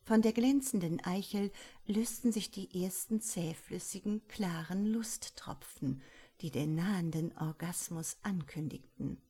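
A woman reading a story aloud as scripted audiobook narration, soft and measured. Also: fairly low pitch, breathy edge. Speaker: audiobook reader.

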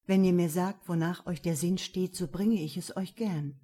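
Brief: woman doing a devoted, impulsive young man, earnest, mellow husky tone. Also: fairly low pitch, moderate pace.

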